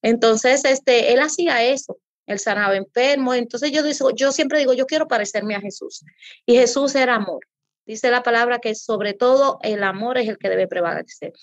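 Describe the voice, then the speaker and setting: A woman's voice: on the high side, normal speed, no room sound. A woman pastor speaking earnestly as an interview guest, in a preacherly way that repeats for emphasis. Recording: dull lo-fi audio.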